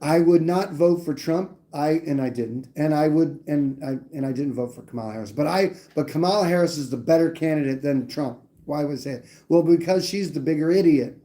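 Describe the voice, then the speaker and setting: A man's voice: a little high, brisk, hardly any pauses, warm tone. A man hosting a live stream, talking politics in a blunt, rambling way, with some swearing. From New Hampshire. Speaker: livestream host. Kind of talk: casual political talk.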